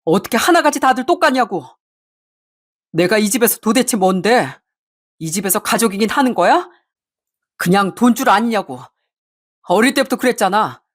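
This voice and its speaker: A woman voicing an angry husband who shouts bitterly at his family. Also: mid-range voice, lively intonation, normal speed, long pauses, lightly acted. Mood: bitter fury. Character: furious, fed-up younger husband.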